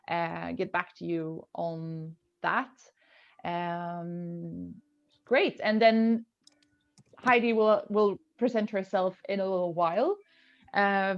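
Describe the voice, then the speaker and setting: Woman hosting a zoom webinar, lots of uhs and restarts, a bit muffled. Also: medium pitch. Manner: hesitant, many fillers and restarts. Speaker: event host. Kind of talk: hosting a video call webinar. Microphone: video call.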